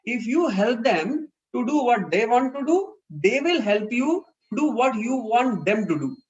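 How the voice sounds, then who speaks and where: A man's voice: extremely high pitch, very animated, unhurried, dull audio. A man with an Indian English accent giving an earnest, explanatory parenting talk in an online webinar. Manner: earnest, explanatory, acts out quoted dialogue.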